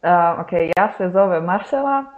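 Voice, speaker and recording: A woman's voice: on the low side, moderate pace. A young woman with a Croatian family background, a guest telling anecdotes animatedly, often laughing and acting out dialogue. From Germany, Croatian family. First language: Croatian heritage speaker. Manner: animated storyteller, laughs often, acts out quotes. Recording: slightly dull lo-fi audio.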